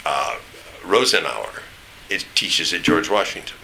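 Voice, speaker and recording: An older American man with a standard accent and a low, very bright, forceful voice. He reminisces in loose anecdotes, pausing to search for names. There is a faint hiss behind him. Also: creaky, low-quality recording. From East Tennessee, United States. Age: older, 70s or above. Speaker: interviewee recounting memories. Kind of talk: oral history reminiscence.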